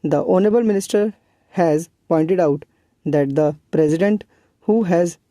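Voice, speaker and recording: A person dictating a formal text for transcription practice, reading it out in short, measured phrases with pauses between them. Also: mid-range voice, warm tone, dry recording.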